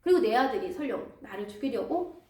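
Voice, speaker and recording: A woman's voice: high-pitched, animated, normal speed. A woman acting out an angry, paranoid old king who scolds and threatens his servants. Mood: bitter. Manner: shouting, scolding rhetorical questions. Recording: echoey church hall, mic far off.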